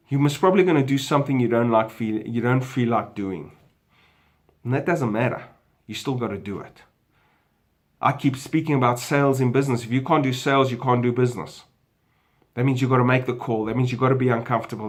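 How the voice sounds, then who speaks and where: A man giving a motivational pep talk from a hotel room, repeating his calls to action with big swings in pitch. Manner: emphatic, repetitive exhortations with big swings in pitch. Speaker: motivational vlogger.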